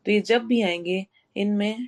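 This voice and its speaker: A woman teaching a Quran tajweed lesson, reciting slowly and then explaining each sound step by step. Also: medium pitch. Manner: slow drawn-out recitation, then steady explaining.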